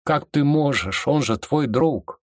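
A man's voice: deep voice, sing-song, measured pace, slightly rough, dry recording, clean studio sound, pitched above the performer's own voice, heavily acted. A man reading an audiobook and voicing a desperate young woman who pleads and cries out. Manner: pleading, crying out. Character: desperate young heroine, fierce and frightened.

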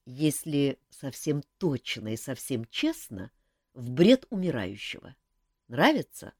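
A woman voicing a gruff adult male hero who grumbles and answers with curt sarcasm. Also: very deep voice, sing-song, slow pace, a little mellow, no echo, studio quality, full character voice. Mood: grumbling.

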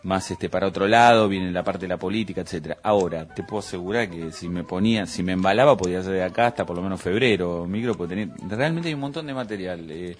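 A man's voice: sits low, fast, few pauses, soft background music. A man with an Argentine accent chatting casually in a radio studio, rambling with many fillers. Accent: Argentine Spanish. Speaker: radio producer and columnist.

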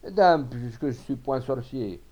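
A man's voice: mid-range voice, expressive, a little slow, warm tone. A man voicing a poor, timid peasant who pleads in humble rustic speech. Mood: pleading.

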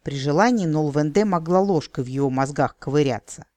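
A man's voice: a little high, brisk, darkish tone, dry recording. A man reading a fantasy audiobook in a wry, ironic narrating voice.

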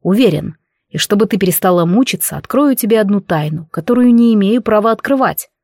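A woman reading the lines of a calm, firm and tender lord in an audiobook. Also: medium pitch, a little fast, no room sound, clean studio sound. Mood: steady. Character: large calm lord, steady husband.

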